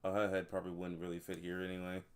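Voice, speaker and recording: A man acting as game master, talking in a relaxed, hesitant way with many pauses. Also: sits low, clear, resonant tone. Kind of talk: running a tabletop game over a call.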